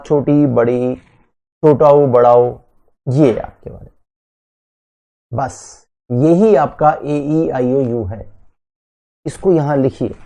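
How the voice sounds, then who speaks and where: This is a male teacher, switching between Hindi and in a classroom lecture. He talks slowly and deliberately and keeps quizzing his listeners. His voice sits a little high but sounds dark and mellow. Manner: slow, deliberate, asks students questions. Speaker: English teacher for entrance exams.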